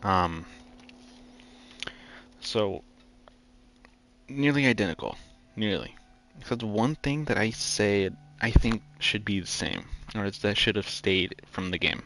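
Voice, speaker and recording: Deep gravelly young man musing. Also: slow pace, long pauses, a bit bright. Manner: musing, restarts sentences often. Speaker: gamer comparing game and show. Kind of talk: casual playthrough commentary.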